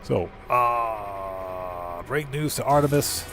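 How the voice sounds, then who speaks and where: Speaking slowly but animatedly, this man has a lowish voice with a fairly bright tone, and faint music plays behind him. As the channel's live streamer, he chats informally while gaming, musing aloud and reading out both chat and on-screen text.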